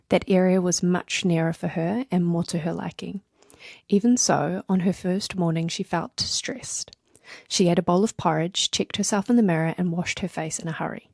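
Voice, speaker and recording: A woman with a New Zealand accent hosting a soft-spoken ASMR video, reading scripts aloud in a slow, hushed, half-whispered voice close to the microphone. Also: fairly low pitch, dry recording. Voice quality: breathy and husky. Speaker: ASMR host.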